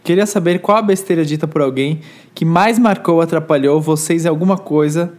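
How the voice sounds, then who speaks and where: Brief: man, co-host, slightly high voice, teasing, reads listener letters. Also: brisk, a little mellow. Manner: jokey, teasing. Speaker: podcast co-host. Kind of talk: casual podcast chat, reading listener emails.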